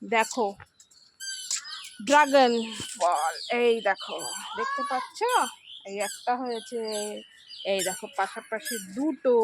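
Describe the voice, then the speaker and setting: A woman recording a casual home vlog on a phone outdoors, showing viewers around and often asking them to look and answer questions. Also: sits high. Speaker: vlogger. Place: outdoors on a home rooftop garden. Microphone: handheld phone. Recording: handheld phone recording with clear background noise.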